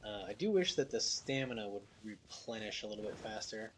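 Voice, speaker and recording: A man's voice: on the low side, lively intonation, brisk, slight background noise. A man giving casual, slangy commentary on a video game, addressing his viewers.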